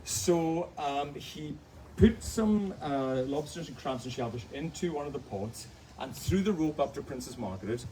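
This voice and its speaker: A man's voice: on the high side, expressive, unhurried, dark tone, slight background noise. A Scottish man from the Outer Hebrides with a Hebridean accent, telling a family story on stage with chuckles and self-mockery. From Outer Hebrides, Scotland. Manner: anecdotal, chuckling, self-mocking. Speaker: author guest at a book event. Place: bookshop event with audience. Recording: distant mic, live audience.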